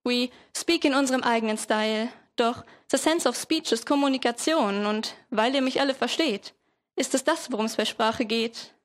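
A woman's voice: a little high, normal speed, lightly acted. A teenage woman voicing a male anglicism word in a mock British accent, self-assured and mixing English into German. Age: teens.

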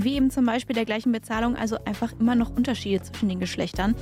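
A woman hosting a radio show, presenting scripted segments with clear, engaging address to listeners. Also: a little high.

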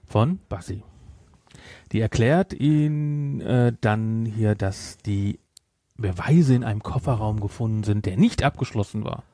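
This middle-aged man co-hosts a podcast, chatting casually and jokingly and rambling along in unscripted talk. His lowish voice is unhurried and mellow, captured dry with studio quality.

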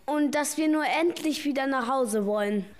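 A woman playing a practical child in a children's radio play who is quick to act. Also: high-pitched, lightly acted.

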